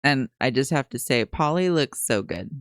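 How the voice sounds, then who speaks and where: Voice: medium pitch, expressive, moderate pace, no echo, studio quality. A podcast co-host recapping a TV episode, reading the notes in a put-on newscaster style between casual chat.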